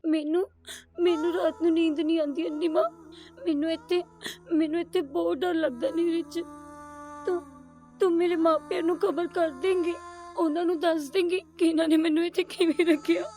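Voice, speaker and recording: An actress playing a lonely, frightened young bride with a Punjabi accent, speaking timidly through tears. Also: female voice, extremely high pitch, fairly even intonation, brisk, soft background music. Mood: tearful. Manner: timid, soft, tearful.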